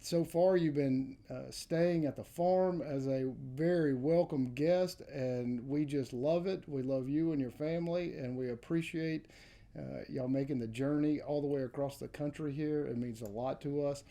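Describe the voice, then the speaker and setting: A man's voice: fairly high pitch, normal speed, mellow. A man hosting an interview show, effusive and welcoming toward his guest. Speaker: podcast host. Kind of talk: interview introduction.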